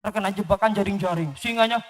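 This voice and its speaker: A woman telling a children's story to a young audience in an animated way, asking the children questions as she goes. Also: mid-range voice, fast talker. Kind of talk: storytelling for children at a live event. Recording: long hall reverb.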